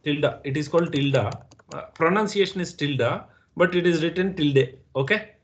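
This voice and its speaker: A man's voice: on the high side, normal speed, highs cut off. A man with an Indian English accent teaching a live online class, patiently repeating points and checking that students understand. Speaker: instructor.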